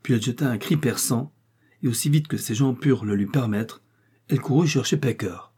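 Homme à la voix sombre et voilée. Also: male voice, mid-range voice, a little fast, mellow, husky. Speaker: audiobook narrator. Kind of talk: audiobook reading of a novel.

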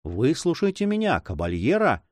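A man voicing an old female duenna who sighs, grumbles and fusses in a high voice. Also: huge pitch swings, moderate pace, darkish tone, no room sound. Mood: grumbling. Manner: sighing, fussy, grumbling.

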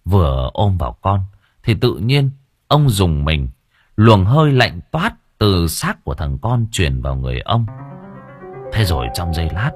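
A man's voice: sits low, breathy edge, no room sound. A man narrating a horror story in a dramatic, emphatic storytelling manner.

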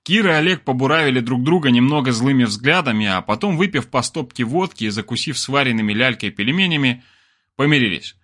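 A man narrates a story with an animated, lively delivery whose pitch keeps moving up and down. He reads expressively and leans into crude slang. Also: a little fast.

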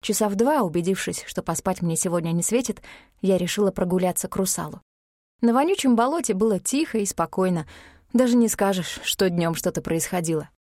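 Woman reading fantasy audiobook, expressive, mid pitch, dry close sound. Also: brisk, dry recording. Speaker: audiobook narrator. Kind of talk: first-person fantasy narration.

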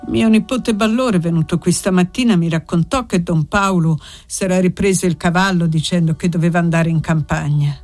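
An alarmed old shepherd fires off worried questions in a fatherly way, as a woman reading an audiobook gives him voice. His voice sits fairly low and is read with care, and faint music plays softly underneath. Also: moderate pace, hardly any pauses, lightly acted. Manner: anxious questioning. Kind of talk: audiobook character voice.

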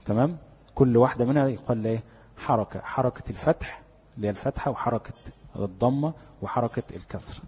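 A man's voice: mid-range voice, a little mellow, breathy edge, big-room sound. A man with an Egyptian Arabic accent teaching the rules of Quran recitation in a lecture, explaining step by step and asking his students questions he then answers himself. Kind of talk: classroom lecture on tajweed.

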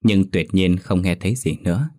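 A man narrating a ghost story in a slow, measured storytelling voice. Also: deep voice, a little mellow, dry recording, clean studio sound. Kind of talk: scripted horror story narration.

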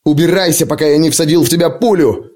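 A man's voice: big pitch swings, normal speed, a little mellow. A man voicing a spoiled, panicky young prince who shrieks his orders in an audiobook. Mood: scornful anger. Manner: shrill, screeching. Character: hysterical young male prince, spoiled and cowardly.

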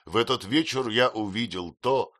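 A man's voice: medium pitch, normal speed, fairly bright tone, no echo, clean studio sound. A man narrating a classic novel as an audiobook, telling the story expressively. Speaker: audiobook reader. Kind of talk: scripted narration.

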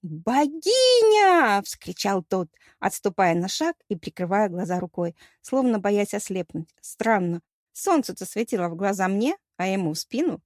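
A woman's voice: mid-range voice, expressive, moderate pace, a little mellow, no room sound. Woman reading an audiobook in a dry, close sound. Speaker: audiobook narrator. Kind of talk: first-person audiobook reading.

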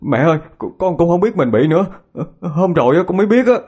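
A man's voice: fairly high pitch, big pitch swings, fast, darkish tone, husky, voice pushed up. A man doing a stammering, panicky young man.

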